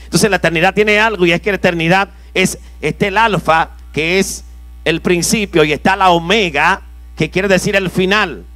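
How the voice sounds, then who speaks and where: A male pastor preaches in a fairly high voice, calling on the congregation to answer back and slowing down to read scripture low and soft. His voice is close and dry on the mic. A faint mains hum runs underneath. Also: dry recording. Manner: preaching with call-and-response prompts to the congregation; reads scripture slowly, dropping low and soft. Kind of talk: sermon. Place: church conference hall.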